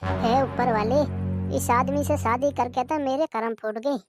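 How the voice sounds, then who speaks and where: A woman voicing a nagging, sharp-tongued young wife in a cartoon comedy, scolding and complaining loudly. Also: high voice, fairly even intonation, a little slow, over music.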